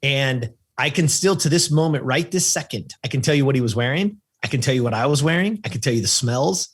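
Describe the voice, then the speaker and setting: Animated fifty-something male storyteller. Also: mid-range voice, fairly quick, husky. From California. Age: 50s. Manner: animated storyteller who acts out the people he quotes. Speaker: podcast guest. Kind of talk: personal storytelling in a podcast conversation.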